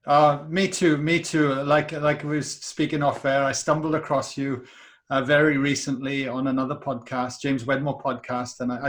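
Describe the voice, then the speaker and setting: A man hosting a podcast, enthusiastic and casual, often repeating words as he starts his sentences. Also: mid-range voice. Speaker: podcast host. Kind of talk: podcast interview.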